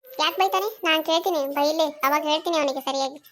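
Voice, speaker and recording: A woman's voice: high-pitched, fast, fairly bright tone. A woman voicing a bossy, meddling young woman friend in a cartoon serial. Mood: assertive. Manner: bossy, coaxing.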